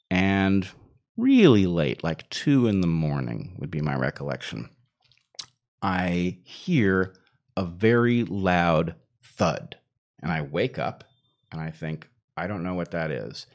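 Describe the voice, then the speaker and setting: A man with a very deep, low voice tells a long personal story in an easygoing, conversational way. He meanders, restarts and pads his sentences with fillers before getting back on track. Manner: rambling, self-interrupting with fillers. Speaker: storyteller guest. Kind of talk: casual anecdote.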